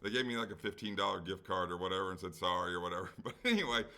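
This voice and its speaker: A man's voice: low-pitched, animated, very fast, sharp tone. A man co-hosting a podcast, telling a rambling story in casual chat, full of "like". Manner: rambling storyteller, heavy use of "like". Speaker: podcast co-host.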